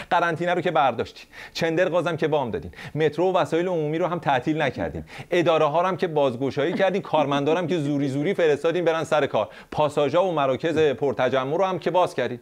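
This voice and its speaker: A man hosting a satirical comedy show, delivering a mocking, sarcastic monologue. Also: on the high side.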